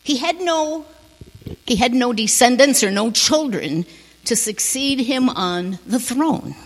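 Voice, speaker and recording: Slow, gentle woman preacher in a church. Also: a little high, animated, big-room sound. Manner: slow, gentle, drops to a near whisper on key lines. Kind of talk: sermon with storytelling.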